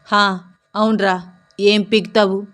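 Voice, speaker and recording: Lady reading as a loud sneering drunk cop guy, bullying and mocking, storybook voice. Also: mid-range voice, level tone, slow pace. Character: rude drunk corrupt male head constable.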